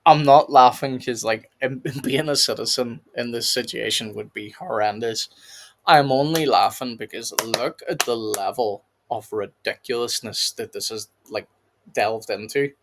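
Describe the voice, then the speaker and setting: A man's voice: mid-range voice, unhurried. A man hosting a casual reaction video, rambling and laughing often as he comments. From United Kingdom.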